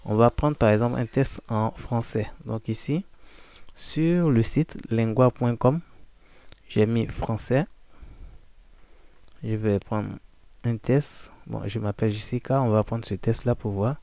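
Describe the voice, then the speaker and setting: A man giving a casual, informal software walkthrough, addressing the listener directly with frequent fillers. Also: mid-range voice, measured pace, long pauses, dry recording. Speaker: software tutorial presenter. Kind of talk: casual screen-recording walkthrough.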